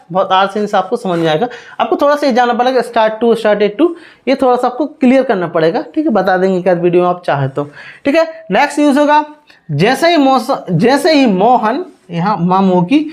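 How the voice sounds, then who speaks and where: A man teaching English grammar as a step-by-step lesson, explaining slowly, spelling words out letter by letter and often checking in with "okay". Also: extremely high pitch.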